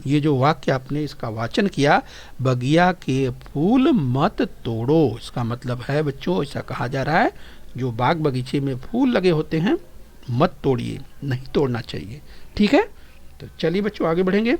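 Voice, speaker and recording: A man teaching young children a Hindi lesson, speaking patiently and constantly encouraging his pupils, slowing down so they can repeat after him. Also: fairly high pitch, big pitch swings. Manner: patient, repeats phrases slowly for pupils to echo. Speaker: primary school teacher.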